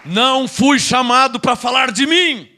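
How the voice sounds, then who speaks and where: A middle-aged man with a Brazilian Portuguese accent preaching a sermon, fervent, swinging between shouted lines and low asides. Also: moderate pace, some chatter behind. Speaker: apostle preaching.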